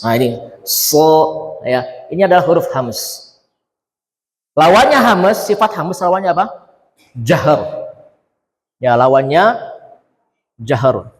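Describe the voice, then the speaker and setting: A male Quran teacher with a fairly high, animated voice gives a tajwid lesson at a slow pace with long pauses, drilling letter sounds one syllable at a time and quizzing his students. He's in an Islamic centre hall, and the recording echoes with long reverb.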